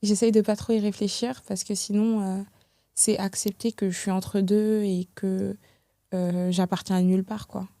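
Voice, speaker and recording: Young woman guest, reflective and hesitant, mellow timbre, dry close sound. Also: medium pitch, level tone, normal speed, dry recording. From France. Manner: reflective, hesitant, many fillers and restarts. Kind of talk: casual podcast conversation.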